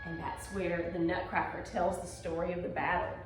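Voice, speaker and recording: In a very echoey room at home, a female dance teacher leads a lesson on video, explaining each step simply and encouraging her pupils. Her voice is lowish and flat, her speed normal, with soft music playing behind her.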